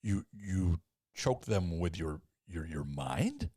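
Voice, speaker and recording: A man's voice: low voice, big pitch swings, takes it slowly, warm tone, breathy edge, heavily acted. A man playing a nervous therapist in a parody sketch, hesitant and full of ums and stammers.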